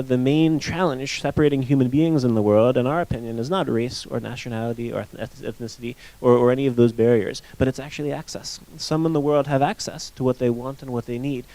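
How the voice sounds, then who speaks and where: A man hosting an event, giving a formal introduction of a guest speaker in a brisk, polished way. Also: medium pitch, a little mellow. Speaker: event host.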